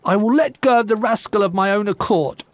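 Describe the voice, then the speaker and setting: A man's voice: high-pitched, brisk, voice pushed up, natural voice. A man putting on a thunderous shrieking giantess. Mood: furious. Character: enraged giant woman, towering and furious.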